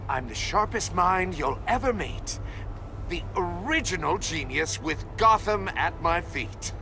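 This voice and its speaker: Theatrical high-pitched gloating supervillain. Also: male voice, expressive, background noise. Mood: smug, taunting. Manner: taunting, grandiose, drawn-out delivery. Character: gloating, theatrical male supervillain obsessed with riddles. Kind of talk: video game voice acting.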